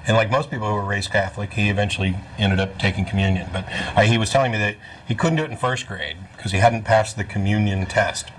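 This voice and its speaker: A man co-hosting a studio talk show, joking in a deadpan way while he eats. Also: on the low side, fast talker, hardly any pauses, a little hiss or hum. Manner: jokey, deadpan, talks while eating. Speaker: co-host.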